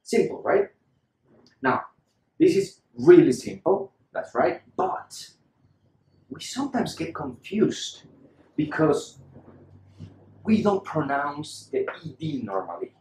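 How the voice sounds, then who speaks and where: A man's voice: fairly high pitch, sing-song, slow, long pauses, darkish tone, echoey room, a little hiss or hum. A man teaching English pronunciation in a patient lesson style, repeating example words for the learner to copy.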